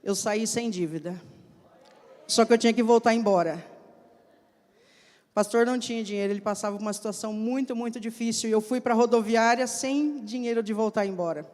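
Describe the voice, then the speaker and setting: A woman preacher delivers a sermon in a slow, emphatic storytelling manner. She acts out the conversations from her testimony as she goes. Her voice carries a long reverb, as if recorded in a large church hall. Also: fairly high pitch, a little mellow. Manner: acts out dialogue in her stories.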